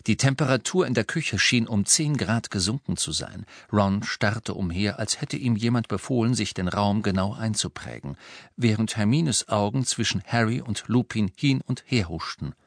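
A man narrating an audiobook in a measured, even storytelling manner. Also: on the low side, gravelly, dry recording, studio quality. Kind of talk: scripted narration.

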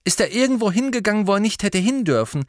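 Brief: a hurried, direct teenage boy, a little raised, read by a man, dry close sound. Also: high voice, big pitch swings, dry recording, pitched above the performer's own voice. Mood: brisk. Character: teenage schoolboy, hasty and direct.

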